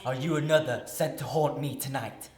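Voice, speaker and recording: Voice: medium pitch, moderate pace, a little mellow, close to an everyday voice. A teenage pupil playing Scrooge, a miserly, bitter and remorseful old man, with dramatic, anguished delivery in a radio play. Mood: uneasy. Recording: roomy echo.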